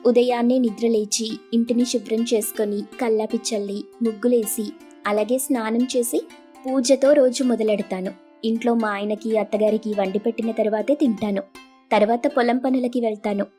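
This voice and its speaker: A woman doing a gentle, humble younger sister. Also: on the high side, steady tone, normal speed, soft background music, close to an everyday voice. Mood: earnest. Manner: gentle, soft-spoken and earnest.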